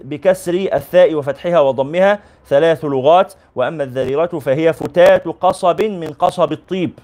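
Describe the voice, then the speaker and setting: Sheikh reading and explaining a religious text. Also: male voice, a little high, a little mellow. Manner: reads classical text then explains in colloquial asides. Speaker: sheikh teaching a hadith book.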